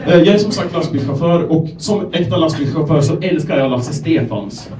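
A young Swedish man from Gävle doing a stand-up set, telling self-deprecating stories in a deadpan way and acting out the people in them. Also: a little high, a crowd in the background. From Sweden, Gävle. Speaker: stand-up comedian. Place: comedy club stage. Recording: echoey club room, voice from a distance.

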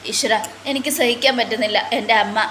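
A woman's voice: on the high side, steady tone, fast talker, fairly bright tone, echoey room, a little hiss or hum, close to an everyday voice. Woman voicing a tearful homesick young woman. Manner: tearful, plaintive. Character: homesick young woman training as police officer.

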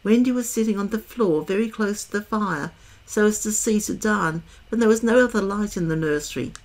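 A woman reading a children's novel aloud in a calm, measured way. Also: mid-range voice. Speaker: storyteller.

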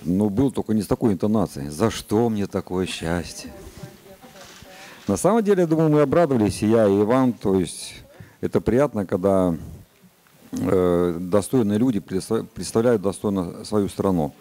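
A man, a spacecraft commander, answering press conference questions in a calm, measured, matter-of-fact way. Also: on the low side.

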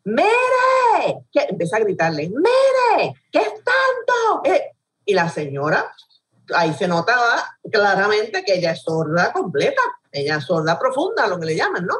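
Speaking at normal speed with wide pitch swings, this Puerto Rican co-host has a bright, medium-pitched voice. She animatedly recounts stories, laughing and mimicking others, her lively radio chat captured as distant video-call audio from her home.

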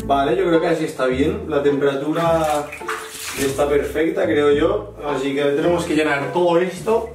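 A man's voice: on the high side, normal speed, far from the mic. A young man, talking casually in a home vlog while soothing and coaxing a pet. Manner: coaxing, soothing talk to a pet, with sudden pleading outbursts. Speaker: vlogger. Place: home bathroom. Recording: roomy echo, away from the mic, music behind.

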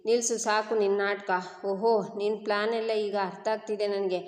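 A stern young husband scolds in a flat, level tone, as a woman reads his lines. The voice carries a roomy, echoing reverb. His speech is exasperated and firm. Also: medium pitch, moderate pace, lightly acted.

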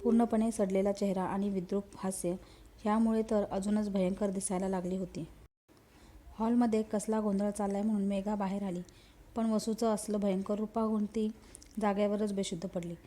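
Woman reading a spooky love story out loud, warm soft voice. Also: medium pitch, level tone, normal speed. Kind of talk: scripted narration of a horror romance.

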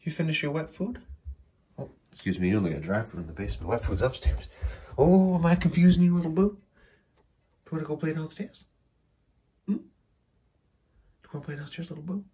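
A man filming his cat at home and talking to it in soft, doting baby talk, often dropping to a whisper, recorded on a handheld phone in a carpeted basement. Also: fairly high pitch, expressive, a little fast, long pauses, husky. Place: carpeted house basement, indoors. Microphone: handheld phone camera.

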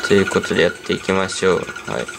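Background music runs clearly beneath a man's fast, expressive voice, which sits low. He is casually rambling and talking to himself as he plays a game.

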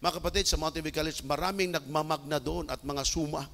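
A man from the Philippines preaching a sermon as an evangelist, telling stories with sudden shouted bursts. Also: on the high side, a little fast, gravelly. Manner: animated storytelling with bursts of shouting. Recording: long hall reverb.

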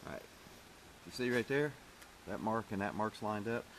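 In a large metal-walled garage, a middle-aged man with a voice on the low side explains an engine rebuild at a moderate pace, in short, practical, casual pieces as he works. The camera mic sits a step or two away, and the noisy recording includes clicking tools.

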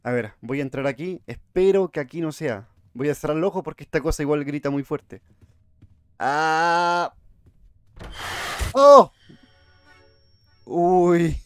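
A man's voice: a little high, darkish tone, dry recording. A man giving jumpy, chatty horror game commentary, talking to his viewers. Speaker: gamer streamer.

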